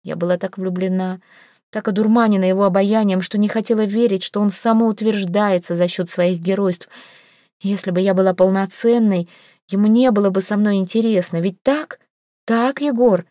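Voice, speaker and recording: A woman's voice: medium pitch, fairly even intonation, fairly quick, dark tone, dry recording, clean studio sound, lightly acted. A woman voicing a young woman who is frantic and tearful, pleading breathlessly between sobs, in a storybook reading.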